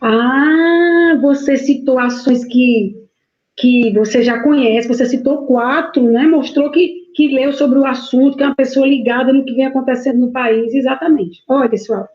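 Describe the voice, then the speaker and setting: A woman's voice: high voice, moderate pace, darkish tone, lo-fi sound. A woman with a Brazilian Portuguese accent teaching a live online essay-writing lesson, explaining step by step, dictating punctuation aloud and often checking in with her students.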